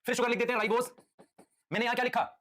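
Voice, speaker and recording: A male teacher giving a live lecture, patiently quizzing his students with quick repeated questions and calling them "beta". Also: very high voice, flat delivery, a bit bright.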